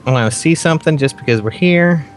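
A man's voice: fairly high pitch, fast talker, soft background music. A young man casually chatting and joking while playing a game with friends, often breaking into sing-song bits and swearing. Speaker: let's play host. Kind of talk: casual gaming chat.

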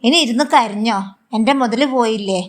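A woman's voice: fairly high pitch, normal speed, natural voice. Woman reading a hot-tempered son who snaps at his old mother, Malabar accent, storybook drama. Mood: angry. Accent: Malabar Malayalam. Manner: scolding, contemptuous. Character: harsh angry young adult son.

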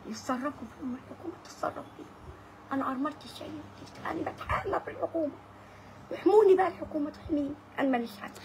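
An Egyptian woman in her sixties pleads her case in a high, rapid voice. She keeps repeating the same short phrases. A loud, noisy background runs under her. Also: gravelly. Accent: Egyptian Arabic. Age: 60s. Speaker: interviewee, widow. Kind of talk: emotional street interview.

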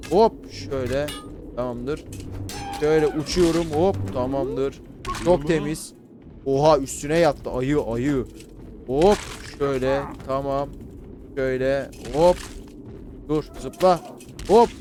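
A man giving casual, excitable commentary on a battle game, swearing and shouting at the units he controls. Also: fairly high pitch, slow pace, pauses often, noisy background. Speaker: gaming YouTuber. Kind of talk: casual Let's Play commentary.

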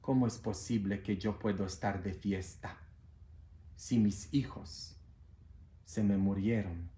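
A man voicing God as a sorrowful old father who weeps over his lost children, speaking low and slow. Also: steady tone, warm tone. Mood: grieving. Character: grieving God, an old father weeping in a corner. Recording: roomy echo.

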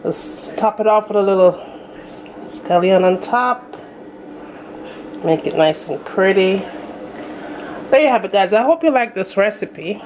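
A woman's voice: medium pitch, expressive, measured pace, long pauses, noisy background. A woman with a Jamaican accent narrating a recipe as a home cook, casually instructing viewers directly. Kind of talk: casual cooking tutorial narration.

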